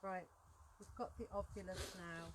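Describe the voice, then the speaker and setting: A woman's voice: on the low side, fairly even intonation, normal speed. A woman chatting casually to viewers as co-host of a paranormal live stream in the woods, with a wry, bantering way of talking. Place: outdoors in woods at night. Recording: noisy handheld live stream outdoors.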